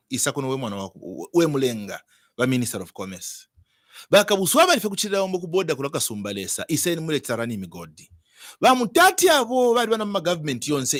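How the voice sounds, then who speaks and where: A man's voice: on the high side, fairly bright tone, dry recording, studio quality. A man with a Zambian accent speaking as a politician in an interview, arguing emphatically and repeating words and phrases.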